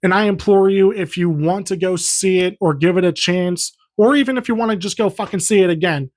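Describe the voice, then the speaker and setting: A young man with a high-pitched, brisk voice delivers a heated, profane movie review in a casual vlog, ranting repetitively and rambling.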